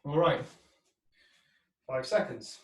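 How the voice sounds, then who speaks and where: Heard from afar in an echoey indoor room, a male fitness instructor gives clipped commands, counts and form cues, plus encouraging check-ins. His fairly high voice is animated, and he takes it slowly.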